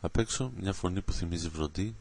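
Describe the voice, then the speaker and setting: A man reads an adventure story aloud in a very low voice. His delivery is steady and dramatic. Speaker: narrator.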